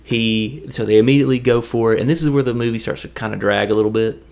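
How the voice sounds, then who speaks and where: A movie reviewer from Tennessee, speaking with a Southern Tennessee accent, gives a loose, joking, rambling recap of a film and slips into quick impressions. His mid-range voice is creaky and a little mellow, with fairly even intonation.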